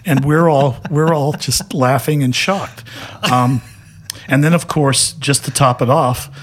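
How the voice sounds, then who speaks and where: A man guest in an interview, telling a funny anecdote in a casual, animated way and laughing often. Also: medium pitch, a little slow, a little hiss or hum.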